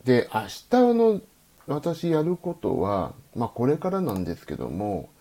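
A man's voice: medium pitch, huge pitch swings, a little slow, mellow, husky. A man hosting a late-night solo live radio stream, rambling and chatty, reading listener comments aloud and answering them.

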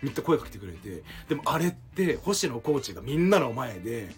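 Young male podcast co-host, rapid, expressive storyteller, mid pitch. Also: soft background music. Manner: animated storyteller who acts out quotes and bursts into loud exclamations. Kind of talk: casual chat among friends.

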